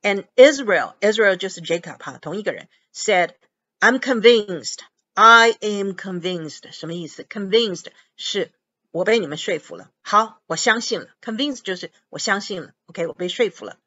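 A woman teaching English through a Bible chapter, reading verses and explaining words, repeating them slowly. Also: mid-range voice, animated, a bit bright, husky. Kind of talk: bilingual Bible lesson. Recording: dull lo-fi audio.

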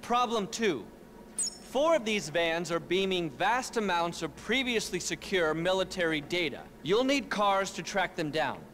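An actor playing an arrogant, manic middle-aged tech billionaire in a video game, pompous, as if giving a keynote speech. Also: male voice, high voice, expressive, a little slow, fairly bright tone. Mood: brisk, pompous. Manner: pompous, self-important, keynote-speech delivery.

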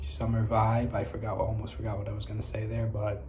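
Casual young male vlogger, mellow flat voice, echoey room, upbeat ramble. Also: lowish voice, brisk. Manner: upbeat, chatty, a bit rambling. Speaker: vlogger showing his drawings. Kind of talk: casual chat. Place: indoor room with brick wall. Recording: echoey room, faint noise.

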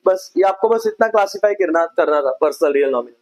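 A man's voice: on the high side, animated, fast, darkish tone, low-quality recording. A male accounts teacher giving a classroom lecture, explaining step by step and checking in with his students. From India.

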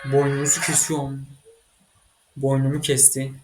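A man giving casual let's-play commentary as he plays a computer game, excitable and quick to get frustrated, swearing at the game. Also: mid-range voice, noisy background. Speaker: gaming channel host.

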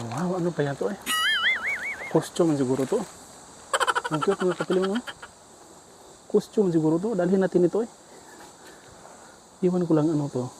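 A man's voice: fairly high pitch, very noisy. A Filipino man talking to his viewers while he digs through trash bins outdoors in the heat, out of breath and sweaty. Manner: chatty, addresses viewers often. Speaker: vlogger. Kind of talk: casual vlog narration while dumpster diving. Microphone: self-filmed camera.

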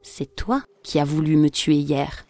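A woman's voice: deep voice, measured pace, dark tone. A brave young hunter from a folk tale, voiced by a woman reading the story. He speaks firmly and with force, wary of a trick. The delivery stays close to a storyteller's own voice.

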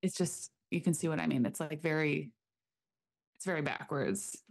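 A woman's voice: sits low, expressive, breathy edge. A young woman, a chiropractor, explaining health topics earnestly in an interview from a home room on a desk mic. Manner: earnest, explanatory, speaks fast in runs. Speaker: chiropractor guest. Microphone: desk studio mic, remote call.

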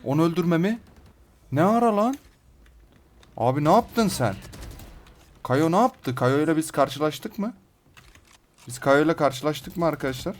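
A man hosting a gaming channel, giving excited live commentary on his own play with rough banter aimed at his viewers. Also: on the high side, moderate pace, long pauses.

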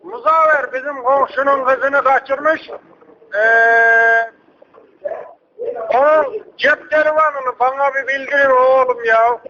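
High-pitched hard-of-hearing old uncle, acted by a man. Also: fairly even intonation, slow, long pauses, pushed and bright, a little hiss or hum, exaggerated voice. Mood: rambling, insistent. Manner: repetitive, rambling, asks people to speak up. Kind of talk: prank phone call. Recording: dull lo-fi phone prank recording.

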